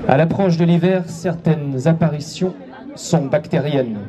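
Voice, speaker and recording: A man playing a proud, mocking mayor, with hammy, measured oratory in an improvised stage verse duel. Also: fairly high pitch, close to an everyday voice. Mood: smug. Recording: outdoor show with some crowd noise.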